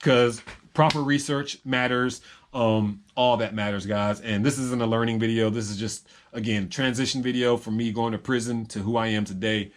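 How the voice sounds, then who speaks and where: A man's voice: medium pitch, fairly even intonation, normal speed. A young man in a rambling, reflective personal monologue to camera, full of ums and repeated phrases. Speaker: vlogger.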